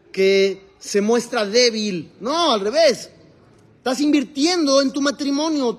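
A man, a rabbi teaching a religious class, asking his students questions and explaining the Hebrew texts he quotes. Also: very high voice. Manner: asks the class questions and answers them himself. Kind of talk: religious lesson to a live group.

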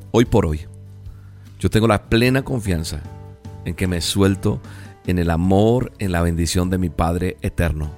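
A man preaching a devotional sermon, telling a story in an earnest, emphatic way with dramatic pauses. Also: deep voice, a little mellow.

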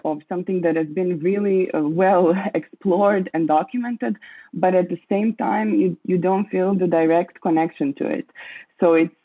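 A woman in her thirties from Croatia, speaking as a panel guest in halting English, often pausing and restarting to find her words. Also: lowish voice. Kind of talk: panel discussion. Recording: tinny phone-like line.

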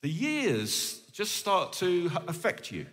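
Lively bright-voiced preacher man. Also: high-pitched, slow. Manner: animated, storytelling. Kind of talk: sermon with live interpreter. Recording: long reverb of a large hall.

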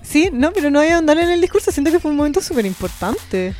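A woman's voice: high voice, sing-song, fast, a little mellow, soft background music. A young Chilean woman co-hosting a casual pop culture chat, slangy and laughing often.

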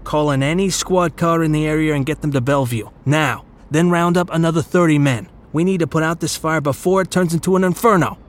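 An actor playing a commanding, dryly formal police commissioner in a period radio drama. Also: male voice, on the high side, brisk, few pauses, close to an everyday voice. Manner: dry, formal, wry authority. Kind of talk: 1930s radio acting.

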